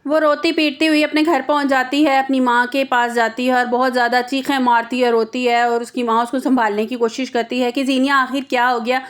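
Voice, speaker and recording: Brief: high-pitched female presenter, loose off-the-cuff drama recap, stumbles and restarts a lot. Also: flat delivery, hardly any pauses. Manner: unscripted retelling with frequent hesitations and restarts. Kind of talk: casual spoken plot recap.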